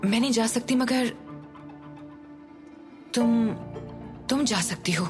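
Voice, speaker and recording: A woman's voice: a little high, slow pace, music in the background. A woman dubbing a scheming, housebound older sister who bosses her sibling in an insistent, persuasive way. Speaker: elder sister. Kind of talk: dubbed TV drama.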